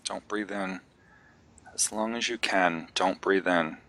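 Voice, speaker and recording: A man with a low-sitting voice leads a guided meditation. His instructions are gentle and unhurried, with long pauses between phrases.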